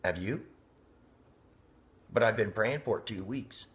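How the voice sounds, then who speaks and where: A man's voice: on the low side, expressive, a little slow, fairly bright tone. A man telling a personal story in a casual, rambling way, often dropping to a near whisper. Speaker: vlogger. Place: inside a parked car.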